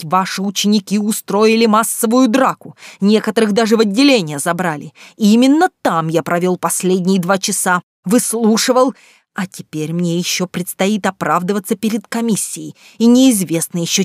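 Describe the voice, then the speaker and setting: A woman voicing a furious middle-aged father, a school principal, who shouts and rebukes in a storybook reading. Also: medium pitch, animated, moderate pace, dry recording, clean studio sound, lightly acted. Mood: raging.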